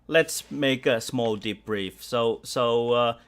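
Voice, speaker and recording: A man's voice: medium pitch, takes it slowly, clean tone. A man acting as game master, narrating a tabletop role-playing game in a rambling way with many restarts. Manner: rambling, with frequent restarts and fillers.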